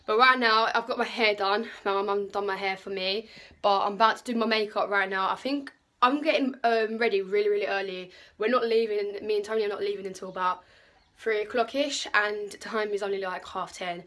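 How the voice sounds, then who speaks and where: A woman with a British accent vlogging to camera in a gushing, excitable way, repeating words for emphasis. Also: medium pitch, fairly quick. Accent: British English. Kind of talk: casual vlog to camera. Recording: noisy handheld vlog audio.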